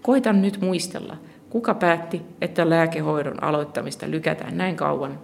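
A narrator reading a first-person literary story aloud in a calm, measured way. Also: mid-range voice, vocal fry, slight background noise. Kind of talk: scripted audiobook narration of literary fiction.

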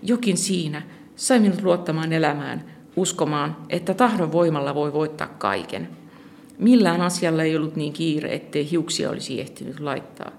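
Gravelly calm narrator reading a story, steady and measured, bit of hiss in the back. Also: mid-range voice. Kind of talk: scripted audiobook narration of literary fiction.

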